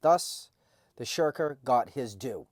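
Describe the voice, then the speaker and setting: A man in his fifties with a Boston accent reads prepared text aloud. His pace is unhurried and each word is deliberately enunciated. The recording is dry, with little room sound around his mid-pitched voice. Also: animated, dry recording. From Massachusetts, United States. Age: 50s. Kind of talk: reading aloud scripted story and sample sentences.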